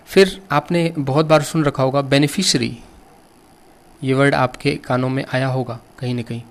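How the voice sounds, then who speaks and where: A man with an Indian accent teaching vocabulary at a deliberately slow, unhurried pace. He spells each word out letter by letter and keeps turning questions to his students, patient and steady throughout. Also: medium pitch. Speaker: English teacher.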